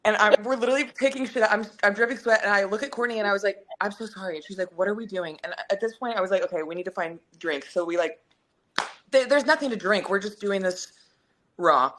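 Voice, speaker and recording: A woman telling a long story in casual podcast chat, rambling and animated with many fillers. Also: mid-range voice, fast, a little hiss or hum.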